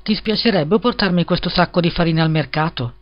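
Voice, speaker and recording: A man's voice: on the high side, a little fast, pitched above the performer's own voice, natural voice. A man reading a storybook and voicing a greedy, self-serving miller who wheedles and preaches about friendship. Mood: insistente. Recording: slightly dull lo-fi recording.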